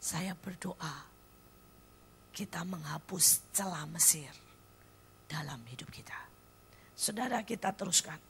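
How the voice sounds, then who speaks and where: A woman evangelist with an Indonesian accent preaching a blunt church sermon, dropping to hushed near-whispers and then rising to loud exclaims. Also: lowish voice, takes it slowly, pauses often, a little hiss or hum. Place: church service.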